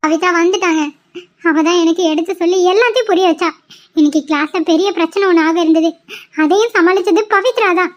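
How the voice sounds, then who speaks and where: A woman's voice: very high voice, fast. A woman voicing an emotional young pregnant wife in a cartoon, pleading and often tearful. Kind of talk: cartoon voice acting. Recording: dull lo-fi sound.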